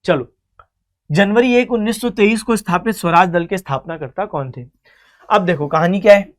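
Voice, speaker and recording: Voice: medium pitch, moderate pace. An exam-prep history teacher giving an online coaching lecture, asking quiz questions, explaining them like a story and calling the students "beta" while mixing in English terms.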